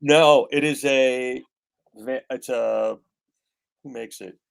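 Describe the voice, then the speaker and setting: A man's voice: medium pitch, fairly even intonation, takes it slowly, gravelly, clean tone. A man in his fifties chatting casually as a guest guitarist, rambling with gear-nerd enthusiasm. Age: 50s. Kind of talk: casual chat.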